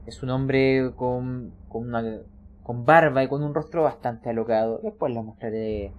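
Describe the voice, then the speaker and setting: A man's voice: mid-range voice, a little mellow, lo-fi sound. A man narrating a tabletop game as game master, explaining scenes and often checking in with his players. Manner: explanatory, frequent checking questions.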